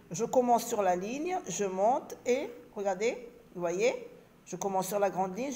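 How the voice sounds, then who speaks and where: A woman teacher giving a reading lesson to children, spelling out syllables slowly and clearly and repeating each word. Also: fairly high pitch, warm tone.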